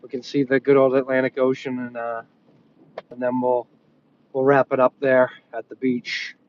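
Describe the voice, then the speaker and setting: A man chatting casually and wryly on a livestream as he drives, in an unhurried, folksy way. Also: medium pitch, level tone. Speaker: storm-chasing livestreamer. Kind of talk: casual live chat while driving. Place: inside a moving car. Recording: dull lo-fi audio inside a vehicle.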